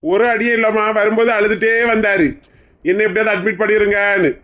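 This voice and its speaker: A man playing a blunt, brisk village doctor. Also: high voice, steady tone, a bit bright. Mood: offhand. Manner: blunt, practical, a little impatient. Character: brisk matter-of-fact male hospital doctor. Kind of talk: comedy skit acting.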